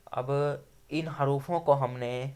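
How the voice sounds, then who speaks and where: A man's voice: mid-range voice, steady tone, a little mellow. A man teaching a Quran recitation class with a Pakistani Urdu accent, patiently explaining each letter sound and drawing out the examples. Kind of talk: slow explanatory lesson.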